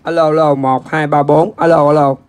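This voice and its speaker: A man testing a microphone through a loudspeaker, calling and counting loudly over and over. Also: fairly high pitch, flat delivery, normal speed, smooth. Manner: loud repeated mic-check counting. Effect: amplified through a loudspeaker. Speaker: seller of used audio gear. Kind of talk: mic test through a speaker.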